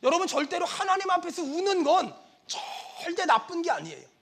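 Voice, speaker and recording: A male pastor preaching a sermon with impassioned, rhythmic repetition, swinging between loud outbursts and soft asides. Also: very high voice, very animated, normal speed.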